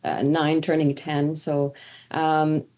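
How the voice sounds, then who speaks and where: A middle-aged Swedish-born woman who teaches Old Testament at a seminary answers interview questions earnestly, full of fillers and restarts. Her voice is deep and mellow, with little pitch movement, and she takes her time.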